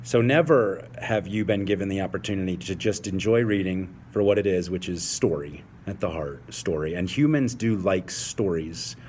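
A man's voice: sits low, animated, normal speed, few pauses, a little mellow, slight background noise. A man in his forties, an English teacher, speaking passionately and emphatically to fellow teachers, repeating key phrases. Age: 40s.

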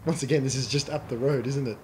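A man's voice: medium pitch, steady tone, fast, a little hiss or hum. A middle-aged man chatting casually through an audio commentary and laughing often. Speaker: commentary host.

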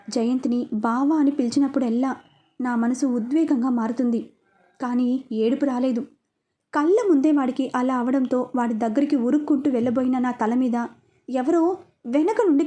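High-voiced woman storyteller. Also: dark tone. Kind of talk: scripted first-person narration.

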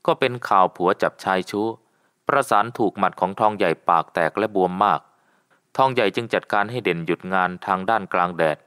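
A man reading a ghost story aloud in a low voice. He keeps a steady, measured storybook delivery throughout. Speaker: audiobook narrator. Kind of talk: scripted narration.

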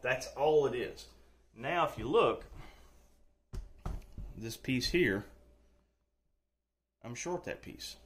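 A man with a mid-range voice hosts a DIY channel video, working on the floor of a room under renovation indoors. His folksy, joking talk is reassuring and picked up by the camera mic, with slight background noise.

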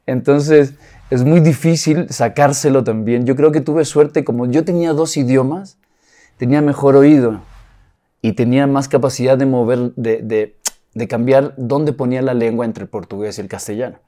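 A Chilean-born actor speaking with an acquired Mexican accent, telling his story in a relaxed interview, with many restarts. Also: mid-range voice, normal speed. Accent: Mexican Spanish, acquired. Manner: reflective, with frequent restarts and soft laughs. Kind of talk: casual interview talk.

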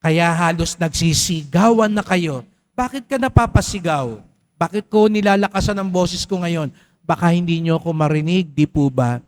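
Man, Filipino accent, high pitch, parish priest, sermon, call-and-response, loud peaks, soft low drops. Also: moderate pace. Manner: engages congregation with questions and call-and-response; rises loud on key points, drops low and soft for emphasis. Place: large church.

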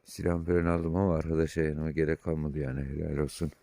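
A man who is a shepherd vlogger, talking casually to viewers at night outdoors on a phone camera, calling loudly to his dog between calm updates. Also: rumbling low, fast talker, vocal fry, dry recording. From Turkey. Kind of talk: casual vlog talk to viewers.

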